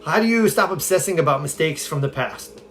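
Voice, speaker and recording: Upbeat man, slightly high voice. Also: animated, a little fast, a bit bright, faint music behind. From California. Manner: upbeat, conversational, reads viewer comments aloud. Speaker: self-help coach. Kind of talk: casual live-stream Q&A. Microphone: phone.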